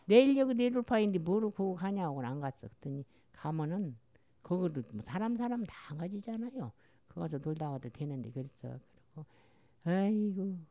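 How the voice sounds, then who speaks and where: Speaking in a heavy Jeolla dialect, this older woman from Korea's Jeolla region rambles through stories in a casual interview chat. Her low voice is gravelly and mellow, with no room sound in the recording.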